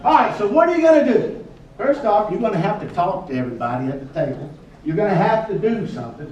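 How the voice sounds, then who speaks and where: Talking fast in a sing-song way, this workshop presenter has a high, darkish voice and a folksy, joking manner as he casually lays out a challenge for a group, asking his questions more than once. The recording, made from a distance in a big echoey indoor room, has its highs cut off.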